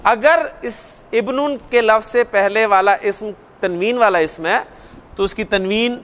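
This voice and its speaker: A man with a strikingly high voice teaches a grammar lesson. He walks through each rule step by step, says the key points twice and stops to ask the class questions. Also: a bit bright. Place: classroom or studio lecture.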